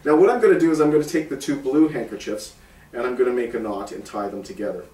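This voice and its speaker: A man's voice: medium pitch, fast, a little mellow. Theatrical magician, middle-aged man, roomy distant sound. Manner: theatrical magician's showmanship, instructing and playfully bantering. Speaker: stage magician, performer. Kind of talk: theatrical magic show patter to an audience. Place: indoor room with small stage setup. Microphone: far camera. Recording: roomy, distant camera mic with background noise.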